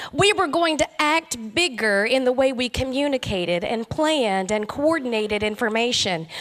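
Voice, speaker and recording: A woman's voice: high-pitched, a bit bright. A woman preacher giving a conference talk, earnest, with rhythmic lists.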